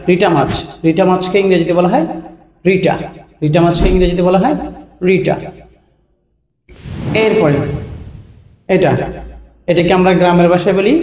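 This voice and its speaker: A man from Bangladesh teaches vocabulary in a relaxed, chatty way, saying each term and then repeating it slowly, word by word. His voice sits high. He sounds set back from the mic in a roomy, echoing space, with faint noise underneath. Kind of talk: casual teaching, naming and repeating words. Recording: roomy echo, voice heard from a distance, faint noise.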